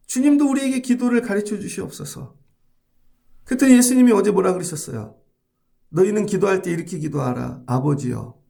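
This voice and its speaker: A man's voice: high-pitched, creaky, warm tone. A male pastor giving an early morning sermon in a church, asking the congregation questions and acting out sample prayers. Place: church sanctuary.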